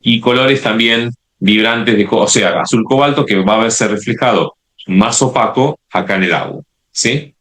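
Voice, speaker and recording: A man leads a watercolor lesson in a low voice. He explains each step as he paints, restarting phrases and checking in with his viewers. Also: moderate pace, fairly bright tone. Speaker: watercolor instructor. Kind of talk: live painting demonstration.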